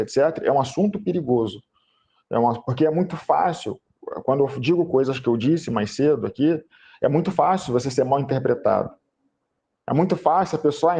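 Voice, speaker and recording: A man's voice: a little high, mellow. A man hosting a live panel on sales, explaining through long car and phone comparisons and repeating his key points. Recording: dull lo-fi stream audio.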